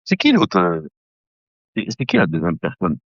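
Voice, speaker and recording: His very low, slightly rough voice moving at normal speed, a man in his late fifties chats on a live stream, calling viewers brother and rambling with frequent laughter. The sound is dull and lo-fi, dry and close with no room sound.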